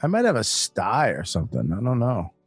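A man with a slightly husky voice telling an animated story on a podcast, full of swearing and restarts. His voice is close and dry with no room around it. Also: medium pitch, brisk, dry recording, faint music behind. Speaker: podcast guest, comedian. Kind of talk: casual storytelling chat.

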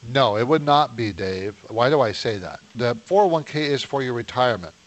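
A man's voice: medium pitch, lively intonation, a little fast. A man hosting a radio call-in show, giving explanatory, unscripted financial advice and posing questions he answers himself.

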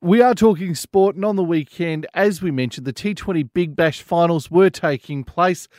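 A male host with an Australian accent and a fairly high voice chats through a sports segment. The recording is dry and close, like a studio show. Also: moderate pace, darkish tone, dry recording. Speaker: podcast and radio host. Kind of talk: conversational sports segment hosting.

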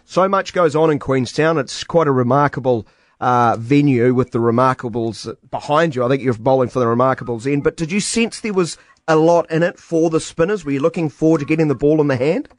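A man's voice: fairly high pitch, a little fast, dry recording. Chatty male interviewer, dry close sound. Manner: chatty, probing questions. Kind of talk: sports interview.

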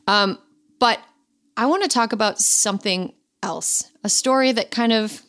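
A woman's voice: on the high side, measured pace, a bit bright. Wry, sarcastic woman hosting a podcast. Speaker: podcast host. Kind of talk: casual podcast chat.

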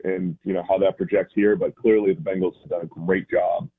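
This Boston-area guest phones into a radio program, and his thin line carries a low, level voice with a breathy edge at a fairly quick clip. He breaks down football in a relaxed, conversational way, frequently rewording his points.

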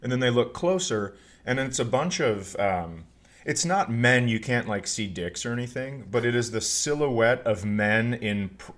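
A middle-aged American man from northern Minnesota hosts a podcast, chatting casually and telling funny stories. His voice sits lowish and comes across a bit bright.

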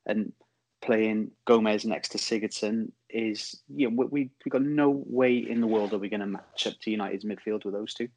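A man's voice: fairly low pitch, steady tone, moderate pace, darkish tone, rough recording. A man giving casual football punditry as a podcast guest. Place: video call over Skype.

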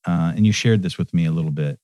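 An effusive, eager man hosts a casual interview, often finishing his guest's sentences. His voice is deep and warm and he talks fast, recorded dry on a studio microphone.

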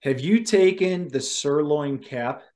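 A man hosting a casual chat, telling animated stories about cooking wild game and laughing often. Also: fairly high pitch, takes it slowly. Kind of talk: casual conversation.

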